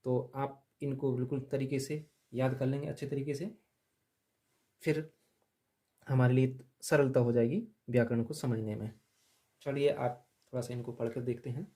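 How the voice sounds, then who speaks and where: A man teaching a grammar lesson, drilling letters aloud and repeating them slowly for the class. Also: medium pitch, fairly even intonation, warm tone.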